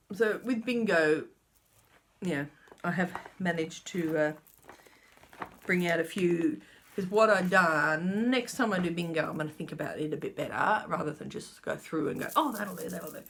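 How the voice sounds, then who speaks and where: Her voice fairly low and gravelly, a middle-aged woman chats her way through a cross-stitch update, rambling and muttering to herself over her notes. Faint background noise can be heard.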